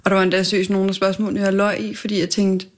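A woman in casual conversation, talking openly and with feeling. Her voice sits at an ordinary middle pitch. She runs her stories together quickly. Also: completely flat delivery. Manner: candid, emotional, fast storytelling. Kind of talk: casual chat.

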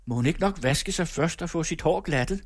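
A man voicing a gentle woman of the household who pleads softly in a story reading. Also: a little high, animated, pitched above the performer's own voice. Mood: pleading. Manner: soft, pleading.

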